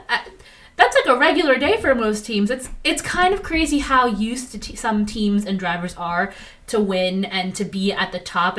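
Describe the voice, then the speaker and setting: A young woman hosting a casual solo podcast, chatty and jokey with quick asides. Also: medium pitch, sharp tone. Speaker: podcast host.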